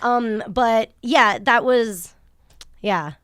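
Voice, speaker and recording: A young woman, a guest on a podcast, chatting casually and reacting quickly. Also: on the high side, smooth, no echo, studio quality. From grew up in New Jersey, born in Japan. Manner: animated, quick reactions and laughs.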